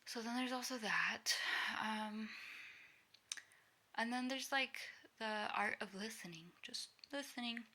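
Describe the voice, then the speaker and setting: Bright, gravelly-voiced young woman vlogger. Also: mid-range voice. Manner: relaxed, frequent "like" fillers, drifts into soft whispery delivery. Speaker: vlogger sharing advice. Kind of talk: casual advice monologue.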